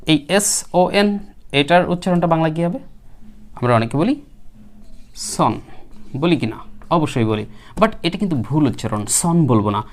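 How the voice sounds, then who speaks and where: A male teacher giving a spoken English lesson, who patiently repeats words slowly for learners. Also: a little high.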